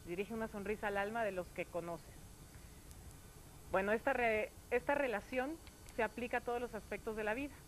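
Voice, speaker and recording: A woman co-hosts a TV chat segment. Her voice sits a little high, and she talks in a chatty, easy way. A faint hiss of noise runs under the recording. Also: brisk, poor audio. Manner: chatty, animated when reading, acts out shouted story lines. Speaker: TV show co-host. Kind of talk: casual TV chat and reading aloud.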